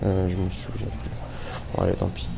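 A young male gaming streamer with a cold rambles through casual let's-play commentary, full of fillers, his voice sounding a bit off. He speaks at a normal pace in a low, totally flat tone. The mic is muffled and background noise is clearly audible.

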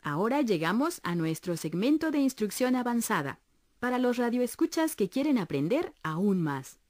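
A woman's voice: a little high, a little mellow, no room sound, studio quality. A woman teaching a language on a radio course in scripted narration. She explains each point patiently and encourages the listeners.

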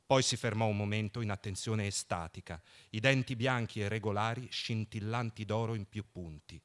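A man reading a novel aloud at a book festival in a measured, expressive way. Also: lowish voice. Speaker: reader.

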